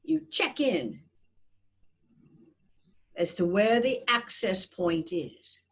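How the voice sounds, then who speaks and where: A woman speaking as a trance channeler, like a seance medium, guiding listeners with deliberate, portentous, reassuring phrasing as in a guided meditation. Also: medium pitch, sing-song. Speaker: trance channeler leading a group session.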